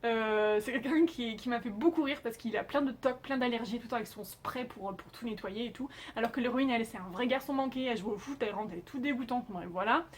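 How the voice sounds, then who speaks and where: A woman's voice: fairly high pitch, quick pace, few pauses, a little hiss or hum. A young woman chatting casually as she reviews TV dramas, emphatic, with frequent filler sounds.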